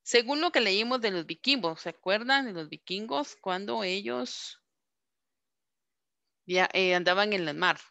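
An expressive woman teacher with a mid-range voice leads an online class, slowly repeating each English verb so students can practise saying it. Though her voice is bright and clear and recorded close and dry with no room sound, the audio itself is dull.

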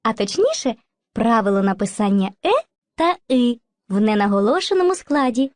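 A woman's voice: on the high side, sing-song, moderate pace, a little hiss or hum. Woman voicing Movka, a patient teacher spirit. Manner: patient, gently instructive, addresses children fondly. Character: kind female teacher spirit Movka, personified language. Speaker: teacher and narrator. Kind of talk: educational cartoon narration and dialogue.

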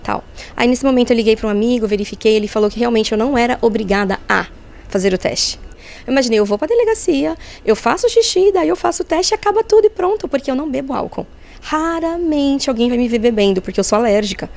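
Fast-talking, gravelly woman. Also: on the high side. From Brazil. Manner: animated, vivid retelling with acted-out quotes. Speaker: interviewee. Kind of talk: interview testimony.

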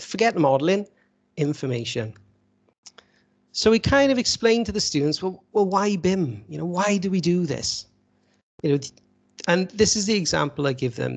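A university lecturer presenting at an online webinar gives an informal, slide-led talk, explaining conversationally and posing rhetorical questions over a video call microphone. His voice is a little high, with vocal fry.

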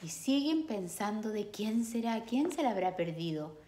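A woman's voice: medium pitch, sing-song, moderate pace, background noise. A woman reading a picture book aloud to children, stopping to explain the pictures. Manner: warm, explains the pictures to kids. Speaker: storyteller for children. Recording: echoey room.

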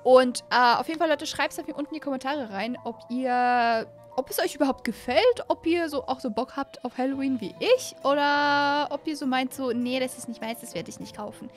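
A woman in her twenties hosts a gaming channel, giving excitable, gushing let's-play commentary for viewers and sprinkling in English words. Her voice is high and fairly quick with few pauses, with background music playing. She records indoors in a small home gaming room using a headset and a close desk microphone on an arm.

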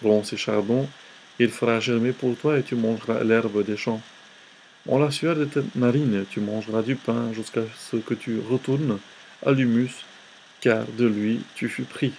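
A man lecturing on the Old Testament, reading scripture aloud at a slow, careful pace. His voice sits in an ordinary middle register, and he often stumbles and restarts words. A faint hiss of background noise runs under the recording. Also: mid-range voice, steady tone, darkish tone.

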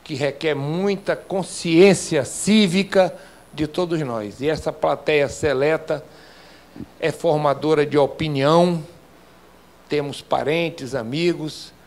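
An older man with a Brazilian accent speaks to a seated audience in a lecture hall, holding a microphone close. His delivery is slow and weighty, and his voice sits a little higher than most men's. He builds his points with earnest, exhorting emphasis. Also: darkish tone, slight background noise. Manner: slow, emphatic, civic exhortation with rising intensity. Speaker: club official addressing members. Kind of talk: formal lecture-hall address. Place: indoor lecture hall with projection screen. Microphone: handheld microphone.

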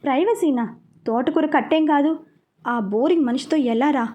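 A woman's voice: high-pitched, normal speed, mellow, muffled recording, close to an everyday voice. A woman voicing a sulky, playful young woman in a storybook reading, pouting and teasing.

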